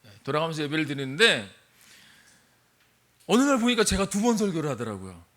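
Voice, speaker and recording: A man's voice: fairly high pitch, big pitch swings, a little fast, a bit bright. An older man, a missionary pastor, preaching a sermon and asking his congregation questions. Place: church sanctuary.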